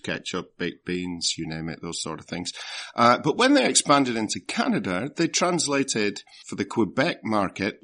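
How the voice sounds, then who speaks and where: Low-voiced man hosting a comedy podcast. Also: a bit bright. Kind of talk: chatty scripted presenting.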